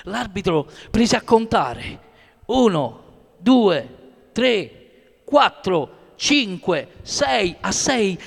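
A man reads a first-person story aloud, measured and steady. His voice sits high for a man. The recording carries a long reverb, as in a large hall.

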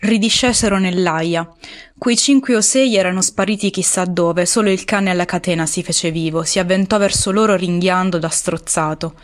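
Lady narrating a novel, steady and measured, voice a bit low. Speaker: audiobook narrator. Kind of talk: literary audiobook reading.

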